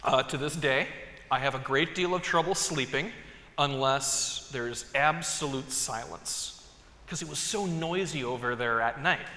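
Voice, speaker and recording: A man's voice: medium pitch, measured pace, bright, forceful tone. Male priest preaching in an echoey church. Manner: conversational storytelling with light humor. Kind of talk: sermon. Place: large church. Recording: echoey church hall with long reverb.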